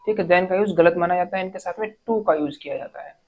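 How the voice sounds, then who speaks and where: Woman, exam-prep grammar teacher, lowish voice, slow word-by-word reading of example sentences. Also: highs cut off, slight background noise. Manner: reads English sentences slowly word by word, then explains. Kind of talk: exam-prep lesson explaining errors.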